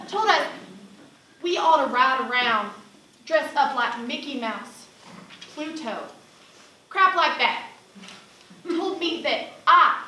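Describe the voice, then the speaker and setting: The exaggerated, high-pitched, sharp voice belongs to a young student actress on an indoor theater stage. In her monologue she's a brash rodeo cowgirl who's fed up, talking in a Southern US accent with salty, folksy emphasis; a far camera records it distantly, with echo and noise.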